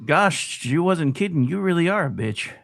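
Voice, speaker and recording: A man plays a good-natured, brainless straw scarecrow in a comic radio play. His voice is extremely creaky and fairly high for a man, with folksy, lively swings in pitch, recorded dry and close. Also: moderate pace, dry recording. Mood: folksy, appreciative. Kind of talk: parody radio play acting.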